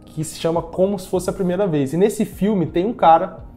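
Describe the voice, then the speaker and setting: Um jovem brasileiro com sotaque brasileiro, apresentando um vídeo explicativo e falando direto com o espectador, em tom de conversa. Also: male voice, high voice, moderate pace, mellow, soft background music. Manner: conversational, speaks directly to viewer. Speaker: educational video host. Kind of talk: explanatory video talk.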